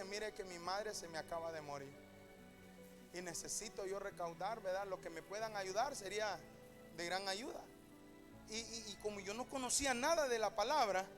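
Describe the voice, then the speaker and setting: A male pastor preaching a sermon in a church, telling a story and rising to shouts and half-sung lines. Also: high-pitched. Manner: shouting and half-singing at climaxes, retelling a story with quoted voices.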